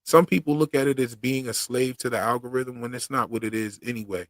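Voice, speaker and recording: Fairly quick and fairly even in intonation, a mid-range male voice comes through a dry recording. He is a YouTube host chatting casually on his channel's livestream in a slangy, loose rhythm, and he mentions a past heavy stutter.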